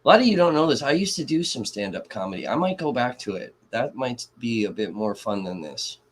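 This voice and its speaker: A man's voice: mid-range voice, lively intonation, fairly quick, slight background noise. Guy from kenosha ranting on his live trial stream, swears a lot, super sarcastic. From Kenosha, Wisconsin. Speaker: livestream host.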